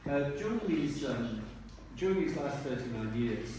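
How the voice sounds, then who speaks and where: A man, a retiring teacher giving a rambling speech at a dinner and often clearing his throat. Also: mid-range voice, animated, moderate pace. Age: 60s. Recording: echoey hall from far off, noisy.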